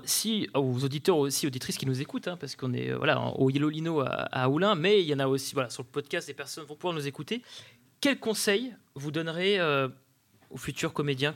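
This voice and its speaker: A man's voice: a little high, fast talker. A man hosting a podcast interview on stage, thanking guests with hesitant, filler-heavy speech. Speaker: podcast host. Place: theatre stage with live audience.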